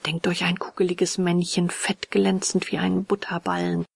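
A woman's voice: lowish voice, normal speed, gravelly, breathy edge, dry recording, clean studio sound. Woman reading a children's story aloud. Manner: lively, animated character voices. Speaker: audiobook reader. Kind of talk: storybook narration.

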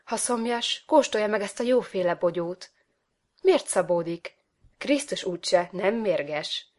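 A woman's voice: medium pitch, expressive, a little mellow, close to an everyday voice. A woman voicing a sly old village widow, a poisonous flower in a storybook, coaxing and folksy.

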